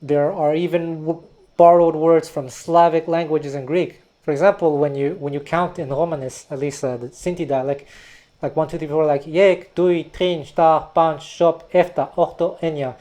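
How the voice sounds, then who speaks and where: This educational history talk comes from a Quebec-based man whose native language is Taiwanese, a music teacher who hosts videos. His warm, slightly high voice stays steady at a normal speed as he wanders thoughtfully between points and frequently restarts words.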